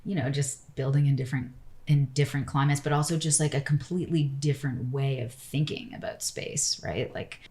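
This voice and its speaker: A woman with a low voice talks easily as a podcast guest. She rambles through her thoughts and fills her speech with "like" and "you know", in a relaxed, conversational way. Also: brisk. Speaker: architect guest. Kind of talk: casual interview chat.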